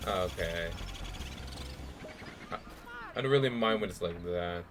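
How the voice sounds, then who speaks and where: A man's voice: deep voice, a little slow, background noise. A man giving casual, wry commentary while playing a video game with friends. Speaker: let's play commentator.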